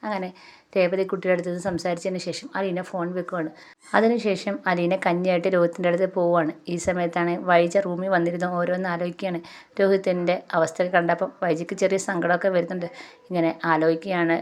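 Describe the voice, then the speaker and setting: Woman, rapid talker, monotone, lowish voice, casual story recap. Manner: rapid retelling with repeated linking fillers; retells dialogue in her own plain voice. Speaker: serial episode recapper.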